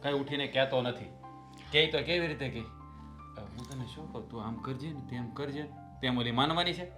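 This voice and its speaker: A man's voice: medium pitch, a little fast, music in the background, close to an everyday voice. An actor playing a frustrated elder brother and husband who complains about his family and bickers with his wife. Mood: grumbling. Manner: complaining, teasing banter. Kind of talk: family drama acting.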